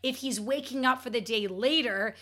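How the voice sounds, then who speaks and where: A woman's voice: fairly high pitch, moderate pace, sharp tone. A woman hosting an advice podcast in an upbeat, instructive manner, stressing key words as she goes. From Ontario, Canada. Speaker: podcast host and child sleep coach.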